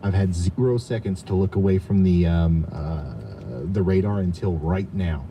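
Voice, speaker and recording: A man with a fairly low voice gives live severe weather commentary. He speaks off the cuff in a halting, stop-start way, like a streamer watching radar. A clear bed of vehicle-like ambient noise sits behind him. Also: warm tone. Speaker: live weather streamer giving storm coverage.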